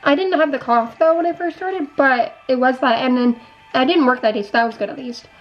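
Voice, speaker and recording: A young adult woman with a high voice talks a little fast over dull audio, giving a chatty life update as she does her makeup. Her voice is slightly stuffy and nasal, like she's sick with a sore throat. As a vlogger, she rambles, restarting and repeating what she says.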